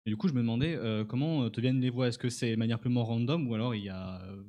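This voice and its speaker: A man in the audience asking a halting question, searching for words. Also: mid-range voice, mellow.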